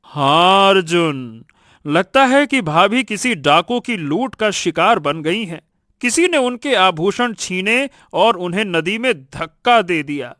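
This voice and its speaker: Brief: a wheedling village friend, high voice, slow, dry. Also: male voice, lively intonation, pushed and bright, dry recording, full character voice. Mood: mournful. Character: sly middle-aged village man, the family's friend. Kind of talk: Hindi cartoon story dubbing.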